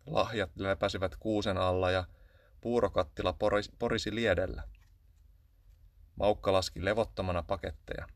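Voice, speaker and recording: A man narrating a children's Christmas story in a calm, even storytelling manner. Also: low-pitched, dry recording.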